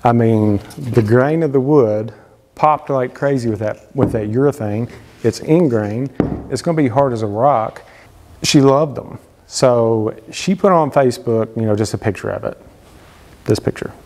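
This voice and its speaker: In his wood-paneled home workshop, a man in his thirties who hosts a woodworking channel chats to the camera with casual how-to advice. His mid-range voice is unhurried, and he gestures a lot and uses plenty of fillers. The recording picks up background noise and the long reverb of the indoor workshop.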